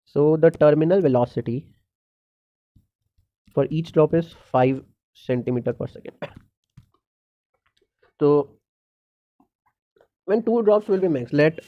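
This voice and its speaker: A male tutor with a slightly high-pitched voice works through practice problems, thinking out loud as he goes. He moves step by step, halting and correcting himself. The microphone sound is dull and lo-fi. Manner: halting, with pauses and self-corrections. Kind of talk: unscripted problem-solving lesson.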